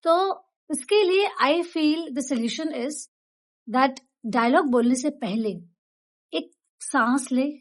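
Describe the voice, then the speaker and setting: Calm high-voiced woman giving acting tips. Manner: calm, deliberate, instructive; encouraging, reassuring. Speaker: acting coach. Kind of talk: casual acting-tips vlog.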